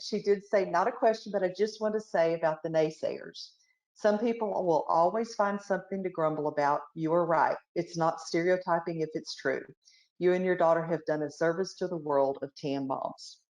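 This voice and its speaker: A woman's voice: fairly low pitch, moderate pace, darkish tone, lo-fi sound. A woman hosting an interview casually, supportive, reading out audience comments, heard over a video call. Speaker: host.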